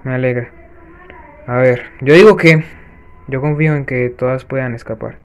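A man hosting a let's-play, chatting to viewers as he plays and breaking off with quick gasping reactions. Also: mid-range voice, fairly even intonation, smooth. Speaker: gaming channel host. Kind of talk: let's-play gameplay commentary.

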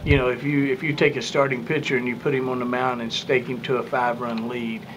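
Middle-aged coach with noise behind him. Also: male voice, medium pitch, flat delivery. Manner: measured, thinking aloud with fillers. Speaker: head baseball coach. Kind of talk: postgame press conference. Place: press room before a sponsor backdrop.

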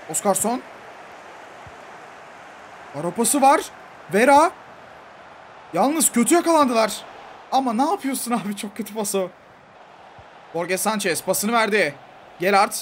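A young man with a strikingly high voice talks through a football video game match. He reacts excitably, begging the coach not to sub him off and yelling at the referee. There is a faint hiss of noise behind him. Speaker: gaming YouTuber. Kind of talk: live gameplay commentary.

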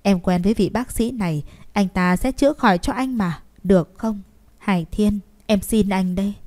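A woman doing a tearful young lover, dark-voiced. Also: mid-range voice, normal speed, natural voice. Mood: pleading. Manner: tearful, pleading. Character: young woman pleading with her sick love.

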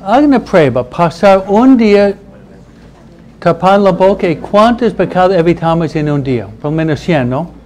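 A man's voice: high-pitched, animated, moderate pace, darkish tone, low-quality recording. A male priest teaching the commandments to a congregation in a conversational, humorous way, tagging his phrases with a questioning "no?". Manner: conversational, tags nearly every phrase with a questioning "¿no?"; humorous, chuckles at his own jokes.

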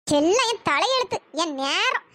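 A woman voicing a scolding, sharp-tongued old mother-in-law in a cartoon, cursing and grumbling, with a pitch-raised voice. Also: animated, moderate pace, no room sound, exaggerated voice. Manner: cursing, nagging, wails when hurt. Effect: pitch-raised voice editing. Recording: noisy cartoon voice track.

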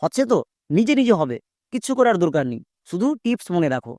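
An English pronunciation teacher giving a spoken spelling lesson, breaking words into sounds step by step and pausing for quick check-in questions. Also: mid-range voice, very animated, a little mellow, dry recording, clean studio sound. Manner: repetitive, patient explaining.

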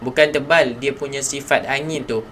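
A man with a Malaysian Malay accent teaching Quran reading in a live online lesson, sounding out each syllable slowly and then explaining in quick asides. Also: mid-range voice, steady tone, fairly bright tone, a little hiss or hum.

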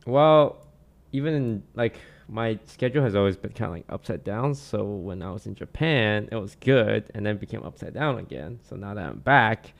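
A young man from Malaysia, chatting casually on a stream in a relaxed way, trailing off with many fillers. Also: lowish voice, moderate pace, creaky. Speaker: streamer answering questions. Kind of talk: casual chat. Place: small home streaming room. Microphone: studio mic on boom arm, headphones.

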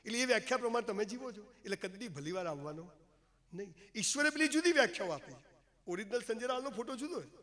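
A man's voice: high voice, expressive, quick pace, pushed and bright. A man giving an emphatic, folksy motivational speech to an audience, joking and mixing in English phrases. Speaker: motivational speaker. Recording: long hall reverb.

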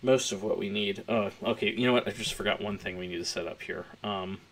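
A man with a hoarse, gravelly voice, thinking aloud as he walks through a coding tutorial. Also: on the low side, steady tone, brisk, fairly bright tone. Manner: thinking aloud while typing, chatty. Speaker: programmer streaming a coding tutorial. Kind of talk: casual live-coding walkthrough. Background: keyboard typing.

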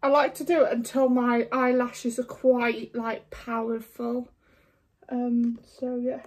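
A woman chatting frankly through a makeup tutorial, her voice going hoarse, with lots of fillers along the way. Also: on the high side, flat delivery, takes it slowly. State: losing her voice. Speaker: beauty vlogger. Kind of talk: casual makeup tutorial chat.

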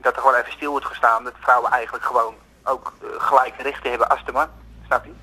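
A man's voice: mid-range voice, level tone, fast, sharp tone, slightly rough, rough recording. A man calling in to a radio show, hesitant and repetitive, padding his sentences with filler words. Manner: hesitant, repeats himself, leans on filler words. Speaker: radio caller. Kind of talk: phone-in chat.

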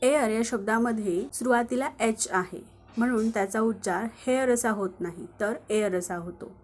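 A woman with a Marathi accent teaching English vocabulary, spelling out each word letter by letter. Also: a little high. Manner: slow, careful spelling out of words letter by letter. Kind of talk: vocabulary lesson.

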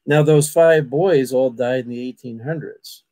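A man's voice: medium pitch, unhurried, warm tone, no room sound. A man, a paranormal investigator, telling a long story in a casual, rambling way, repeating words and calling listeners "people". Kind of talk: casual storytelling on a video call.

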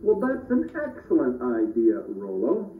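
A man playing a kindly, reassuring old Santa Claus in a children's puppet show, measured and fatherly. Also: medium pitch, huge pitch swings. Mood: pleased. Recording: noisy, roomy, distant, muffled phone-like audio.

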